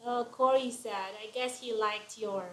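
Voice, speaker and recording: A woman's voice: fairly high pitch, steady tone, a little slow, fairly bright tone. Woman co-hosting in an echoey room. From Philippines. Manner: chatty, hesitant with fillers. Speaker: co-host. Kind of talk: casual live stream chat.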